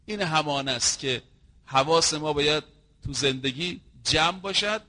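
A man's voice: a little high, pushed and bright. A man preaching a sermon, telling stories and acting out the quoted dialogue, and addressing his listeners as brothers and sisters.

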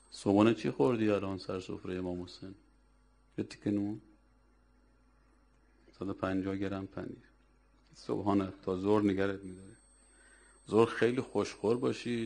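A man with a very low, deep voice delivers a sermon. He presses his listeners hard with rhetorical questions and scolds them. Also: darkish tone. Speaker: preacher. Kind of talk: religious sermon.

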